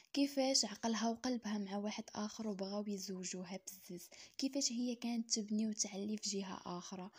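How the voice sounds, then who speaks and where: A Moroccan woman narrates a dramatic tale at a brisk pace. Her voice is husky and breathy, and she often drops into a whisper. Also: medium pitch, darkish tone. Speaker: storyteller.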